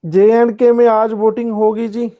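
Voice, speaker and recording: A man's voice: sits high, level tone, normal speed, phone-quality sound. A male teacher, giving a casual online lecture and answering student chat, often saying "okay" and "yes". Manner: casual, repeats "ठीक है" and "हाँ जी" often.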